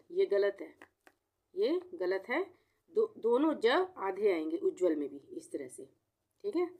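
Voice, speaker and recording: A woman teaching a spelling lesson, breaking words into syllables and repeating each one slowly. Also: mid-range voice, a little mellow. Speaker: Hindi teacher.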